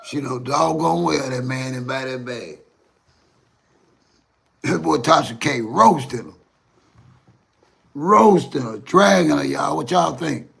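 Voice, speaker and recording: A man's voice: medium pitch, takes it slowly, gravelly, pauses often, a bit bright, husky. A man chiming in as a co-commentator on a gossip stream, throwing short hype-man comments at the audience.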